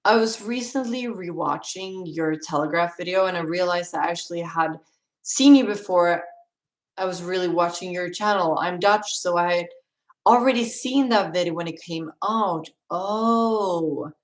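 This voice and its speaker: A woman's voice: on the low side, measured pace, reverberant. A young woman from Sweden with a Swedish accent, chatting casually on a live stream as she answers viewer questions and laughs often.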